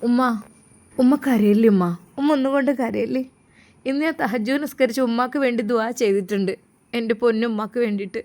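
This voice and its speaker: A woman with a Malappuram Malayalam accent voicing a gentle, wounded young wife who speaks softly and respectfully. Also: on the high side, fairly even intonation, fairly quick, close to an everyday voice. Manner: soft, respectful, self-reproaching.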